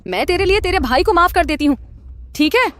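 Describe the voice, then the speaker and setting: Dub role: a sharp-tongued mother, high-pitched and scolding. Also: sing-song, fairly quick, no room sound, heavily acted. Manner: scolding, indignant. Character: doting middle-aged mother, defends adopted son. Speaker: dubbing actor. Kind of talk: dubbed drama dialogue.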